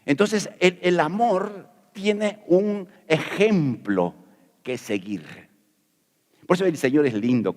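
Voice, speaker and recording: Middle-aged peruvian pastor preaching, kinda high voice, jokey folksy style, church hall echo. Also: male voice, darkish tone. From Peru. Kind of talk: sermon.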